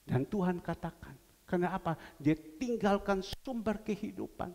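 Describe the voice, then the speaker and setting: A male pastor preaching a sermon, telling a story with lively swings between loud cries and soft asides. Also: high voice, moderate pace, vocal fry. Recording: long reverb of a church hall.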